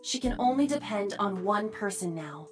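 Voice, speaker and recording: A woman voicing a calm, formal female AI partner who speaks in measured sentences in a game. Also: mid-range voice, music in the background, natural voice.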